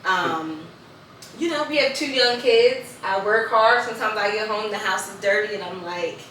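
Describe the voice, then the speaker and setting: A woman's voice: medium pitch, moderate pace, fairly bright tone, slight background noise. A woman in casual chat about her marriage, talking animatedly and acting out her own complaints. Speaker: guest answering a couples card question. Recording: echoey room from a distant mic.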